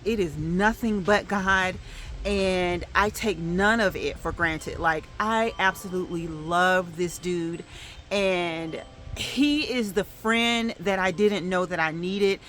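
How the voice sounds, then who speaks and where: A middle-aged woman vlogging to camera, telling a story in a chatty, animated way with plenty of fillers. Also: mid-range voice.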